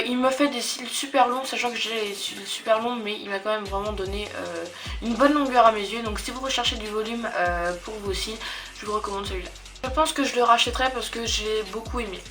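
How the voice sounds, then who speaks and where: A woman's voice: mid-range voice, fairly bright tone. A young woman chatting casually in a beauty product review, hesitant and full of fillers and restarts. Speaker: beauty vlogger.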